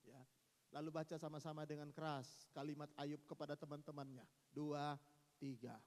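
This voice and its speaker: A man preaching a sermon as pastor, with an East Javanese accent and a lively manner, mimicking gossiping friends. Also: a little high, normal speed. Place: church hall. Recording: long reverb of a church hall.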